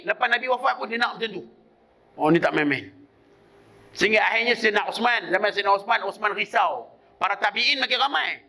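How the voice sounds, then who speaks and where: A male preacher with a Malaysian Malay accent tells stories animatedly in a mosque sermon and often bursts into loud emphasis to address the congregation. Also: sits high. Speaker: religious preacher. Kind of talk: evening mosque sermon with storytelling.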